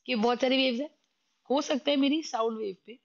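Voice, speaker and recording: A woman's voice: high-pitched, brisk. Hindi-speaking woman teaching chemistry, lo-fi. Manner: explains step by step, often repeats questions. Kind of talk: classroom lecture.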